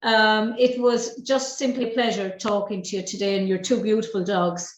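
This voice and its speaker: Show host: woman, Irish accent, mid-pitched, chatty interviewer, roomy echo on the voice. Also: flat delivery, normal speed. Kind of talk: casual interview chat. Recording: echoey, roomy sound.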